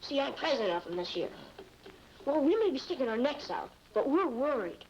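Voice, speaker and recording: An actor playing an earnest, slangy American schoolboy who leads a kids' gang in a 1950s TV detective drama. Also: male voice, very high voice, sing-song, fairly quick, exaggerated voice. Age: child or young teen. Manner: earnest, slangy, polite boyish. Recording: muffled vintage TV soundtrack, faint noise.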